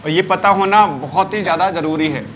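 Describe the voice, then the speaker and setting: Bright, high-voiced male maths teacher. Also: brisk, a little hiss or hum. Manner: repeats points, keeps checking if students follow. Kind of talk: live online maths lesson.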